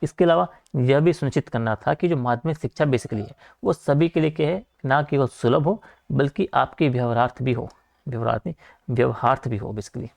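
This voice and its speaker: Gravelly young male coaching teacher. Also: on the high side, darkish tone. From Uttarakhand, India. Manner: talks fast, repeats filler like "theek hai" and "aapka". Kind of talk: online lecture, informal asides to students.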